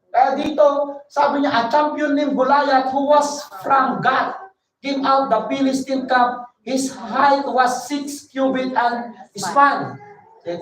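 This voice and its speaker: A woman preaching a Bible study sermon. She reads verses slowly and then explains them in a conversational way. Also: sits high. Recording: echoey room, voice from a distance.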